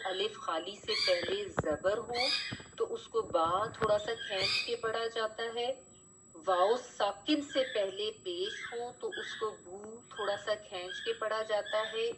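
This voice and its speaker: A woman leads an online Quran recitation lesson at a middle pitch, explaining rules patiently and repeating them. Her voice comes through a slightly muffled call with faint background noise. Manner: patient, repeats key points, frequent "theek hai" checks. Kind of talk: online class lecture.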